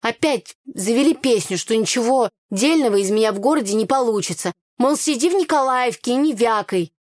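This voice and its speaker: A woman's voice: a little high, expressive, brisk, darkish tone, dry recording, studio quality, pitched above the performer's own voice, lightly acted. Woman voicing a brash gossipy village girl. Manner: blunt, slangy, grumbling.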